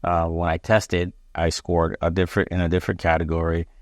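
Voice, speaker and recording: A man in his forties from Barbados, a police chief answering interview questions in a measured, halting way with many fillers. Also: deep voice, monotone, no room sound, clean studio sound. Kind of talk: interview conversation.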